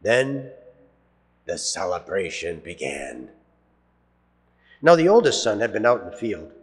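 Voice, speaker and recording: A priest reads the Gospel aloud at Mass in a measured way, letting the ends of his phrases fall low and slow, his voice carried by a long cathedral echo. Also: very animated, slightly rough. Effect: cathedral echo, long church reverb. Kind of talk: liturgical Gospel reading. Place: large church. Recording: long reverb of a large church.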